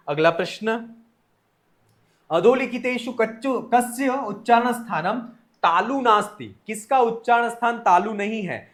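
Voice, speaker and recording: A man with a notably high voice walks through exam questions one by one. He reads each question aloud and then explains the correct option in a methodical, teacherly way, speaking. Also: fairly bright tone. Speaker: Sanskrit teacher. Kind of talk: exam test solution lecture.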